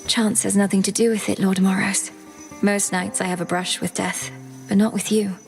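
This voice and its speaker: A woman's voice: mid-range voice, level tone, gravelly, lightly acted. Woman playing earnest, formal young witch princess. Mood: tender, earnest. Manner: measured, formal, careful diction. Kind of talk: dramatic video game voice acting. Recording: music behind the voice.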